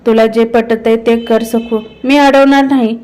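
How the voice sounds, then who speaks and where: A woman voicing a young village husband who speaks in rustic village speech, quiet and ashamed. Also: fairly high pitch, steady tone, measured pace, natural voice, low-quality recording.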